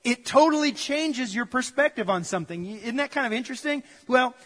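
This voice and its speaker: A man's voice: very high voice, animated, fairly quick, fairly bright tone. A man preaching a sermon, chatting with the congregation and telling jokes and stories. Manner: conversational, jokey storytelling to the congregation. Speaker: pastor. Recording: long church reverb.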